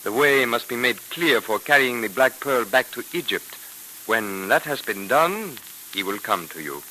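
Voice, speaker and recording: An ornate, fawning 1940s radio figure. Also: male voice, medium pitch, expressive, sharp tone, a little hiss or hum, low-quality recording. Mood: sly. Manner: slow, ornate, obsequious speech. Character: fawning, formal Egyptian man in custody. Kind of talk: 1940s radio drama acting.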